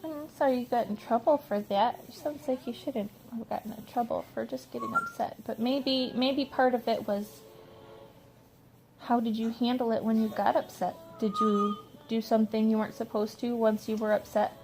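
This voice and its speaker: A woman's voice: on the high side, fairly even intonation, normal speed, darkish tone. A middle-aged woman and mother talking in a casual personal vlog, rambling and emotional, often restarting her sentences. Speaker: vlogger, mother. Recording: faint background noise.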